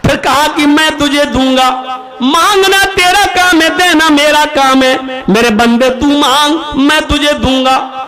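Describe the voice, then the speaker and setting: A man's voice: extremely high pitch, a little slow. A man preaching a sermon, telling stories with emphatic rises and drops. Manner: emphatic storytelling, rising and falling for emphasis. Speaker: Islamic preacher.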